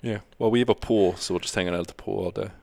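A man's voice: on the low side, steady tone, fast talker, vocal fry, darkish tone, no room sound. A young man co-hosting a podcast, chatting in a laid-back, joking way. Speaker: podcast co-host. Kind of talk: casual chat.

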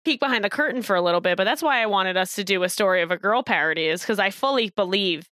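A woman's voice: medium pitch, animated, a bit bright, no room sound, studio quality. A woman co-hosting a podcast, chatting casually and joking with friends. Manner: laughing, joking, quick asides. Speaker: podcast co-host. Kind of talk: casual chat.

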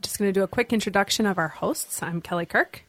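A woman's voice: mid-range voice, quick pace, a bit bright. A woman hosting a podcast in a studio, chatting easily with a guest and laughing often. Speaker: podcast host. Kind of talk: casual interview chat.

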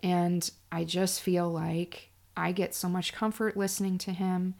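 A woman's voice: fairly low pitch, little pitch movement, a little slow, vocal fry, a little mellow. A middle-aged woman hosting her own podcast, talking candidly and sarcastically in a solo monologue. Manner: candid, sarcastic, emphatic storytelling. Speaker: podcast host.

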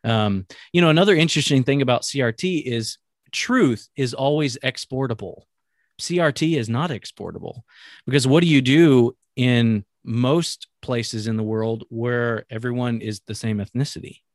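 An earnest co-host of a faith-based talk show speaks in a middle-range voice at a measured pace. He often pauses on ums and restarts sentences. The sound is close and dry, without room sound.

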